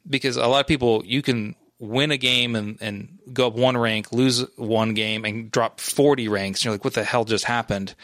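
A man's voice: medium pitch, fairly bright tone, no echo, studio quality. A man co-hosting a casual gaming podcast, explaining things in a rambling way with lots of restarts. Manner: rambling, many restarts and fillers. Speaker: podcast co-host. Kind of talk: casual esports chat.

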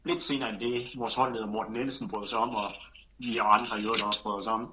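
A man's voice: lowish voice, fairly even intonation, pushed and bright, rough recording. A man in a casual chat who agrees briefly and adds memories of a shared trip. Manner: short agreeing replies. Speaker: former teammate in the chat.

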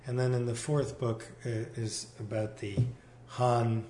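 A male novelist chatting in an interview, meandering and correcting himself, recorded on a single mic in a giant high-ceilinged room with big hall echo. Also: little pitch movement, unhurried, darkish tone, slight background noise. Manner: meandering, self-correcting, many fillers. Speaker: novelist guest. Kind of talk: casual interview chat. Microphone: single shared mic in the room.

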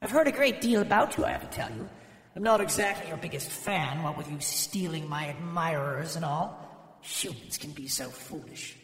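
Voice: mid-range voice, animated, normal speed, a bit bright, echoey room, big-room sound, a little hiss or hum, pitched above the performer's own voice. A storyteller voicing a haughty, scornful goddess who talks down to a mortal. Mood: mocking. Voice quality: mocking, condescending. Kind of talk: storytelling podcast voice acting.

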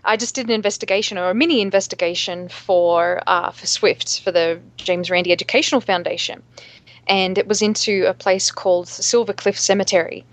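A woman co-hosting a podcast in casual chat, halting as she searches for her words. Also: mid-range voice, fairly even intonation. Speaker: podcast co-host.

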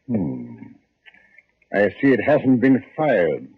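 An actor playing a calm, probing police inspector in a 1950s radio drama, questioning with dry irony. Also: male voice, lowish voice, breathy edge, exaggerated voice. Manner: measured, dryly ironic questioning. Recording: tinny old radio broadcast recording.

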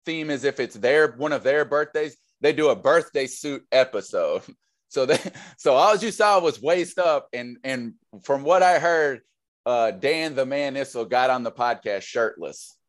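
A man's voice: medium pitch, expressive, measured pace, no room sound. A young man hosting a casual podcast interview, friendly and loose with many fillers. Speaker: podcast host.

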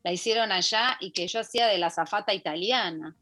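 A middle-aged Argentine woman, a musical theatre actress, is a guest in a radio studio discussing her stage career. Her medium-pitched voice is quick and sharp, with faint music behind, and her chatty answers are full of fillers and restarts.

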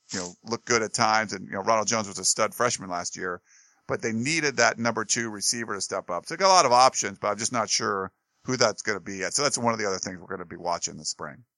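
A man's voice: fairly low pitch, quick pace, bright, forceful tone, no room sound. A man co-hosting a sports talk show, chatting casually and rambling with lots of fillers and restarts.

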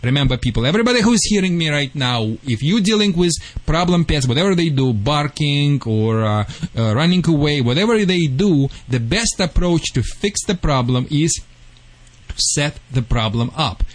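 Male radio pet-advice host, Russian accent, slightly high pitch, excitable and jokey, imperfect English. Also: normal speed, no echo. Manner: excitable, playful, joking, broken English. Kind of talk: call-in advice show.

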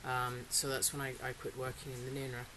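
This interviewee, a middle-aged farmer raised in Singapore, has an extremely low pitch and a flat delivery, talking a little fast. She's chatty and laughs frequently, though she hesitates and fills gaps with fillers while describing her farm casually. Rain falls on the polytunnel around her, over a faint hiss.

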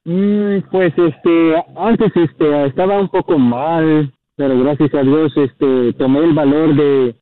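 Over a tinny, narrow phone line, a caller in his early thirties chats casually but hesitantly in a Guatemalan accent. He has a fairly high, steady voice and speaks slowly, with few pauses.

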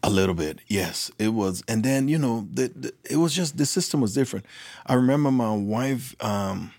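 Gravelly man telling stories. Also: mid-range voice, moderate pace, no room sound, clean studio sound. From Liberia. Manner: animated, acts out dialogue. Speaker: guest. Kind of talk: anecdotal storytelling.

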